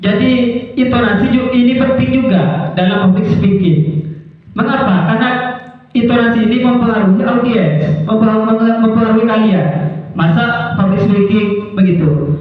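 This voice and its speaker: A young man giving a short lecture to students, instructive and checking the audience with quick questions. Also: high voice. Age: young adult. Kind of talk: ten-minute lecture to students. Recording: very echoey hall, far from a tinny mic.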